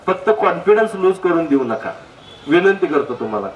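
High-voiced man joking in an echoey hall. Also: big pitch swings, a little fast. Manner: jokey, anecdotal, asks the audience direct questions. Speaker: public speaker on health. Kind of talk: humorous public talk. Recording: echoey hall, distant mic, faint noise.

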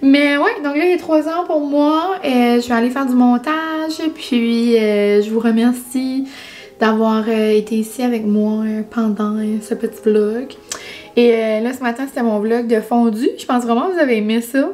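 A woman's voice: a little high, moderate pace, a little mellow. A young woman with a Quebec French accent chatting casually to camera, full of fillers and English words. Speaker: vlogger. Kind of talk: casual vlog chat.

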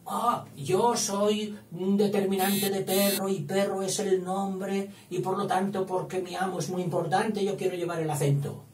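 A man's voice: sits high, flat delivery, unhurried, hardly any pauses, a little mellow, slight background noise, pitched above the performer's own voice. A man voicing a self-important possessive word that demands its accent mark, in a dictation lesson. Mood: demanding. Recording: echoey room, distant mic.

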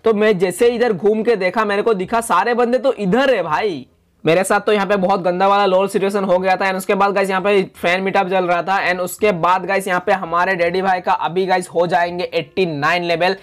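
Excitable young man narrating gameplay. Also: high-pitched, brisk. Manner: excitable, chatty, dramatic complaints. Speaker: gaming YouTuber. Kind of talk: gameplay commentary voice-over.

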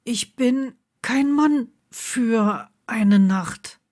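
A woman's voice: medium pitch, slow. Neville, a woman voicing a murmuring young man. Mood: breathless, insistent. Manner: soft, murmured, partly whispered lines. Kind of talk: audiobook character voicing.

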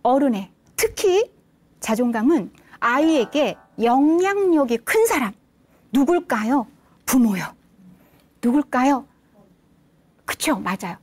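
A woman's voice: high-pitched, very animated, slow pace, pauses often, darkish tone. A woman parenting educator lecturing a live audience, often putting rhetorical questions to them.

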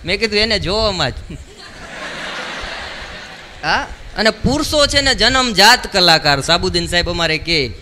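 Bright, high-voiced comedian on stage. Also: male voice, animated. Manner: punchy joke telling, quick call-and-response to the crowd. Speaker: stand-up comedian. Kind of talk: live stand-up comedy show. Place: live show in a large hall. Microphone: stage microphone. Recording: live hall recording with long reverb.

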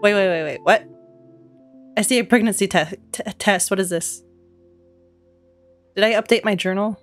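Her voice has a medium pitch and moderate pace, with soft music in the background. She's a young gaming streamer, stuffy from a cough, giving casual let's-play commentary on a headset at home, chatty and giggly and reacting out loud.

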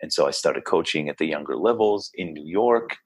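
A husky, extremely low-pitched voice moves briskly and expressively as an Israeli basketball coach in his thirties chats on a podcast. In this casual interview he's earnest and chatty, leaning on fillers and frequent restarts.

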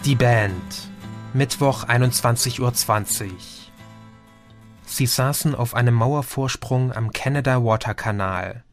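A man reading an audiobook in a measured, even narration. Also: medium pitch, soft background music. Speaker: audiobook reader. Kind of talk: scripted narration.

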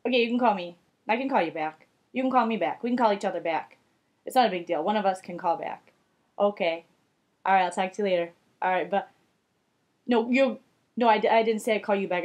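A woman comedian acts out a middle-aged Minnesotan woman full of small-town opinions. She talks in a Minnesota accent at an average pitch. Her delivery is chatty, folksy and deadpan, like casual griping in a comedy sketch. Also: natural voice. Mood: politely dithering. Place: rooms at home, indoors.

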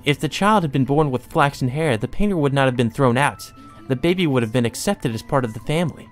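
Voicing a deranged teenage sister in an acted reading of a gothic visual novel game, a man pitches his voice well above a typical male range, though it stays close to an everyday voice. She taunts with gleeful, sweet cruelty, theatrically stretching out coaxing words in a fast, animated delivery over background music.

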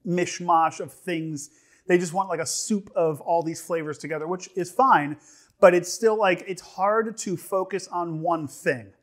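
A young man giving a casual, humorous food review on camera, rambling and halting, repeating phrases and tossing in joking asides. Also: on the high side. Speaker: snack reviewer. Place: indoor studio set with dark curtain backdrop. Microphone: lapel mic.

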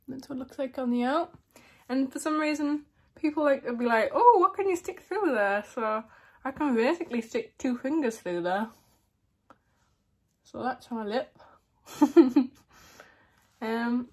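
With a high, slightly rough voice, a young vlogger chats informally to camera from a small room. She has a slight lisp caused by a lip plate and lets out the odd giggle.

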